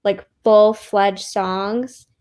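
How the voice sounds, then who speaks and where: A young woman co-hosting a casual book livestream, sleepy and relaxed, laughing easily. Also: mid-range voice, drawn-out words. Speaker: co-host.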